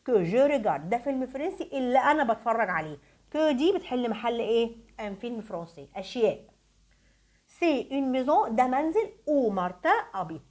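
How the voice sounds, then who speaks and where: A woman with an Egyptian accent runs a grammar review for school pupils. She talks fast with a lively, swinging pitch and a fairly high voice. Her voice sounds tired and strained, and she keeps asking them rhetorical questions. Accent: Egyptian Arabic. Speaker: French teacher.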